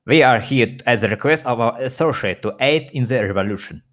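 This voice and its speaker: A man reading out pony characters' lines in a louder, animated voice for an audio fanfic. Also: medium pitch, a little fast, lightly acted. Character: various pony characters, male and female.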